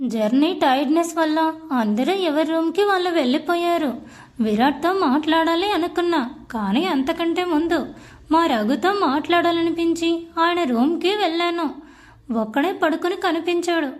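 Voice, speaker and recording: A woman's voice: very high voice, moderate pace. A woman narrating an emotional first-person audiobook story as a storyteller.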